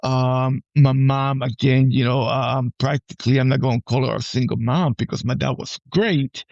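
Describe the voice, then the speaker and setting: Speaking haltingly in a casual personal chat, a forties-aged army veteran from Puerto Rico appears as a podcast guest, repeating himself and frequently adding "right?". His medium-pitched voice is fairly even, creaky and somewhat dark, captured lo-fi without echo.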